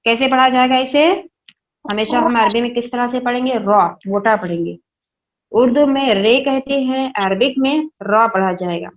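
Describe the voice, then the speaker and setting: A woman's voice: on the high side, highs cut off. A woman teaching children Quran recitation in an online class, patiently spelling out each sound and asking them questions. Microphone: online class, own mic.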